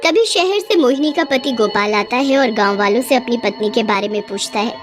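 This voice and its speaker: A woman narrating a cartoon bedtime story in an even storytelling manner. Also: fairly high pitch, moderate pace, soft background music.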